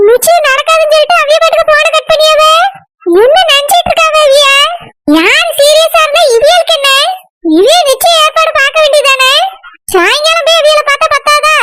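A woman's voice: extremely high pitch, very noisy. A woman voicing Rasathi, a proud, quarrelsome village woman with a Tirunelveli Tamil accent, in a cartoon. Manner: indignant, scolding rants. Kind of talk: cartoon voice acting.

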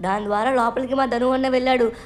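A high, childlike voice of a timid little boy, as a woman acts him out, pleading and anxious as he chatters on in a game machinima story. The pitch sits well up in the register. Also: fairly even intonation, quick pace, natural voice. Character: small frightened boy begging for help.

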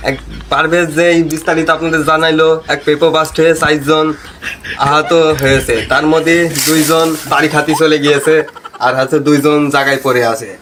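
A man plays an earnest village field reporter in a parody newscast. The voice is fairly high, with a western Bangladeshi accent, over a noisy, clicky amateur recording. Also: level tone, fairly quick, a bit bright, natural voice. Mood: mock-earnest. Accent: western Bangladeshi, Chuadanga area. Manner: parody news reporter delivery, mock-earnest. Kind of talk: parody live news report.

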